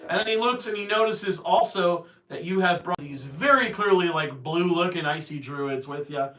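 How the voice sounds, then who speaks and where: A man's voice: sits high, normal speed, pushed and bright, echoey room, far from the mic, low-quality recording. A man running a tabletop game as game master, casual and full of fillers and laughter. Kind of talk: narrating a tabletop game live.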